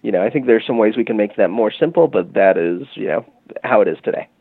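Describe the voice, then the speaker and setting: The founder of a music marketing tech company explains his product as a guest in a conversational interview. He has a lowish, gravelly voice and talks fast in a relaxed way, sprinkling in "you know" and "um." The recording is dry, with a phone-line sound.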